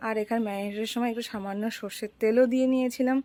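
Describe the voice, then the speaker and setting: A young woman with a heavy cold, speaking softly and chatting to viewers in a cooking vlog. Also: on the high side, steady tone, racing, no echo. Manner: chatty, addresses viewers directly. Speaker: vlogger. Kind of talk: casual cooking vlog narration.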